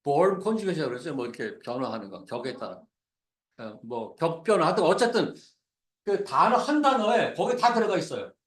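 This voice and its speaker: Lively, high-voiced man preaching in an echoey church. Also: brisk. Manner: conversational, questions the congregation; mixes English words into his talk. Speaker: pastor. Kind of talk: sermon.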